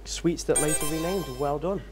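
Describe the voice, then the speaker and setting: A man's voice: a little high, normal speed, music in the background. Upbeat young male quiz host. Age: young adult. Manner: upbeat, teasing presenter patter. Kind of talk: hosting a staged quiz show.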